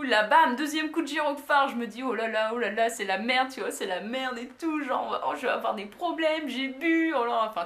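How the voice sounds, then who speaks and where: A young woman from France telling an anecdote in a casual, slangy way, full of fillers and lively asides. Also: fairly high pitch. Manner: animated, slangy, many fillers. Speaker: vlogger. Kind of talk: casual storytelling. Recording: echoey room.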